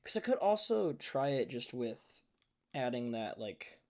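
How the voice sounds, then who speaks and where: Gravelly man explaining sound design. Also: mid-range voice, very animated, unhurried, a little mellow. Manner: loose, thinking aloud, many fillers. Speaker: streamer teaching sound design. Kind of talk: casual live-stream tutorial.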